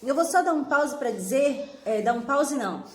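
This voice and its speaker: A woman teacher reviews a grammar lesson for her class. She speaks in a clear, didactic way and says each example word slowly and with stress. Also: high-pitched, expressive, roomy sound.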